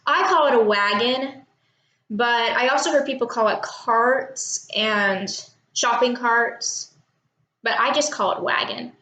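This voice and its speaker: An 18-year-old woman from Texas, United States, does an accent tag vlog, talking casually to camera as she reads out questions and a word list in an echoey room. She is chatty but unsure, with many ums and little laughs, speaking slowly in a slightly high, sharp voice.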